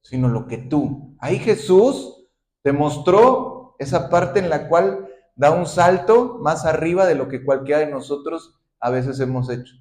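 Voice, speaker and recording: Impassioned pastor preaching in an echoey hall. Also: male voice, a little high, measured pace, a little mellow. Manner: preaches with rhetorical questions and impassioned acted-out prayers. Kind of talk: sermon.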